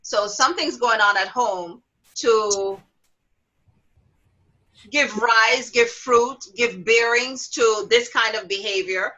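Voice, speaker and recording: A woman's voice: slow, muffled recording. A middle-aged woman hosting a casual talk show, telling stories animatedly and acting out quotes with big jumps in her voice. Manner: animated storyteller, acts out quotes with big pitch jumps, laughs often. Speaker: host.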